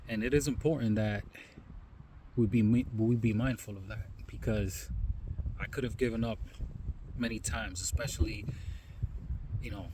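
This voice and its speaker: A man vlogging outdoors on a snowy forest trail, cold and tired from the hike, talking in a calm, musing way with frequent "you know" asides into a handheld phone. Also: on the low side, normal speed, pauses often, noisy background. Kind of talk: reflective outdoor vlog talk.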